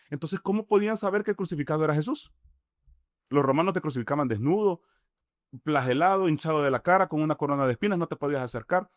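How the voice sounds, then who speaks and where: A Salvadoran-accented man with a fairly high voice talks through his points in a relaxed, conversational way. He builds each argument step by step, poses rhetorical questions and keeps checking in with a quick "mm?". The sound is close and dry, with no room echo. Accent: Salvadoran Spanish. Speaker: imam, interview guest. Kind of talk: conversational explanation.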